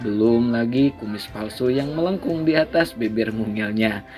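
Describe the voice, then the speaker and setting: Steady male storybook narrator. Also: medium pitch, faint music behind. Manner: steady, measured reading with small slips.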